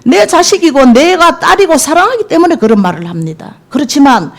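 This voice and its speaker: A woman's voice: sits high, sing-song, fairly quick. A middle-aged woman evangelist giving a sermon testimony, telling stories with feeling and acting out quoted speech. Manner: emotional storytelling, acts out quoted speech.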